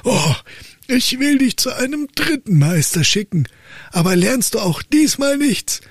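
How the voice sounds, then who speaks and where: A man voicing an old count, an angry father who scolds his son in a high, strained voice. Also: sing-song, unhurried, husky, no echo, studio quality, exaggerated voice. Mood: furious. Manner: shouting in high strained outrage.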